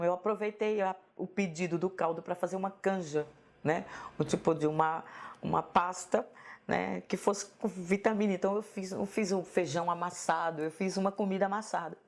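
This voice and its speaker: Sounding like a writer in a documentary interview, she looks back on her life in a soft, unhurried, slightly low voice with a Northeastern Brazilian accent. Her phrases frequently end with a gentle "né?" as she checks in.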